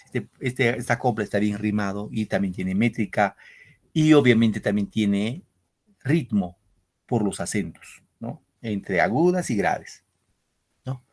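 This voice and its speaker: A man gives an online literature lesson in a somewhat low voice. He explains step by step, speaks directly to his students and keeps checking that they follow. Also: animated, measured pace, a little mellow. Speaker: teacher. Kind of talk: online class lecture.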